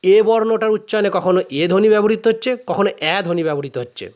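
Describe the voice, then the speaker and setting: A man's voice: high voice, fast talker, a little mellow. A male teacher with a Bangladeshi Bengali accent giving a classroom lecture, explaining patiently step by step with examples.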